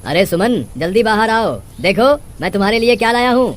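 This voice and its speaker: A woman voicing an earnest, firm male village farmer in an animated storybook tale. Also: medium pitch, fairly quick, very noisy, pitched below the performer's own voice, close to an everyday voice. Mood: pleased, kindly. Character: kindly but firm village farmer, a man.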